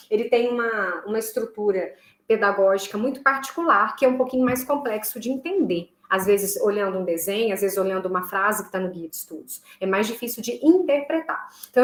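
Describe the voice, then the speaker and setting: A woman teaching a recorded online music class, explaining patiently, checking in often with her students, and slowly chanting rhythm syllables as she demonstrates. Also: medium pitch. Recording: echoey room.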